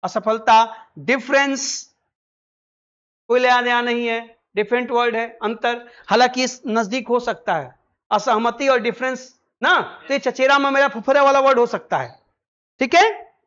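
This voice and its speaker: A male teacher explaining vocabulary for an exam, mixing Hindi with slow English phrases and firing quick questions at his students. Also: extremely high pitch, a bit bright, smooth, lo-fi sound. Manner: quizzes listeners with quick rhetorical questions.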